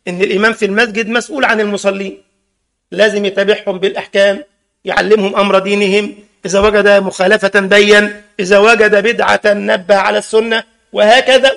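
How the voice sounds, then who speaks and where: An Egyptian imam preaches to his congregation in a very high, gravelly voice. His tone is bright and sharp, and he keeps firing rhetorical questions and teasing listeners in the mosque. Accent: Egyptian Arabic. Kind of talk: mosque sermon.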